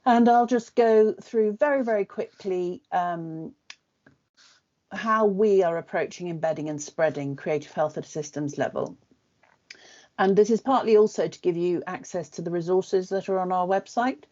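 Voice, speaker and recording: A woman presenting her organisation's work on a video call, brisk and with frequent ums. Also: fairly low pitch, warm tone. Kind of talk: webinar presentation. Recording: muffled video call audio.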